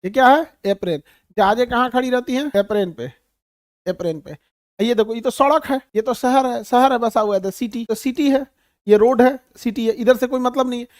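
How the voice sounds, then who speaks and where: A man from Bihar with a Bihari Hindi accent, teaching a class in an animated, humorous way and calling his students "babu". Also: very high-pitched, moderate pace, no room sound, studio quality. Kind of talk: classroom lecture.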